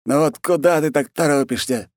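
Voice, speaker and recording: A man's voice: fairly high pitch, normal speed, dry recording, studio quality, voice pushed up, natural voice. Man voicing a fat cruel lazy khan. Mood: bossy. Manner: lazy, peevish, bossy.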